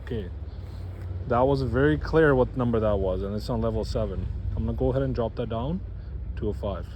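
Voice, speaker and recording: Male dog trainer, mellow tone, relaxed chatty tutorial delivery with faint background hiss. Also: medium pitch, brisk. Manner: loose, chatty, addresses viewers as guys. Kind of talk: casual instructional demo.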